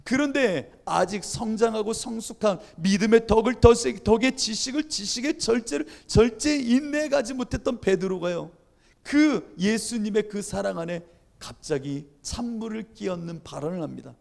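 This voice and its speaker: Gravelly high-voiced preacher man. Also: expressive, normal speed, darkish tone. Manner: conversational preaching, acts out quoted dialogue. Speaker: pastor. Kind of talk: sermon.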